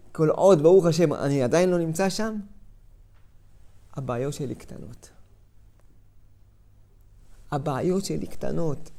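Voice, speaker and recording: Rabbi guy preaching, highish voice, goes quiet then big and loud, does little voices of people. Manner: dramatic, swings from hushed to loud, acts out inner voices. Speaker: rabbi giving a weekly lesson. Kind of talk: sermon.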